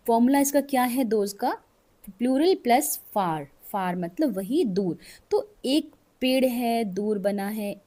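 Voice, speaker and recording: A woman's voice: on the high side, dark tone. A woman teaching English grammar in Hindi mixed with English, explaining step by step and reading out example sentences word by word. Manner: slow, explains step by step, often checks with "ठीक है". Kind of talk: Hindi-English grammar lesson with board drawings.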